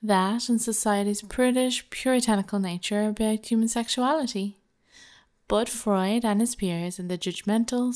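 A woman reading a scripted hypnosis narration in a measured, soothing, persuasive way. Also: medium pitch, darkish tone.

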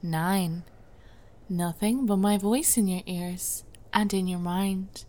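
A woman playing an imperious, seductive princess hypnotist in a soft ASMR role-play, speaking slowly and closely, right in the listener's ear. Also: medium pitch, steady tone, close to an everyday voice. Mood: soothing, hypnotic.

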